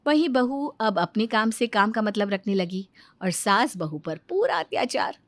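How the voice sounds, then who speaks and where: A woman narrating a cartoon story in an expressive, storytelling way. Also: mid-range voice, measured pace, dry recording. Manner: expressive, animated.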